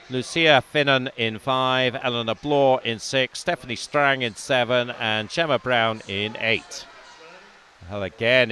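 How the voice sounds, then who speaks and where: A mid-range male voice, with slight background noise, commentates a swimming meet live. The man, not Welsh, calmly calls out lanes and times and lifts his voice when finishes are close.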